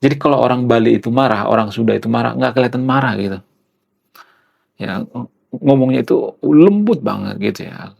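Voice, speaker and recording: A man's voice: medium pitch, animated, a little fast, vocal fry, pauses often, darkish tone. A man talking casually to camera, explaining things with rhetorical questions and frequent tag fillers. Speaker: vlogger explaining culture.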